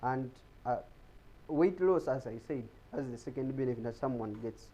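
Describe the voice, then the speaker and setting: A man's voice: medium pitch, moderate pace, dark tone, poor audio. A man giving an explanatory talk on health in a TV studio, often repeating words as he searches for them. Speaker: guest speaker on health.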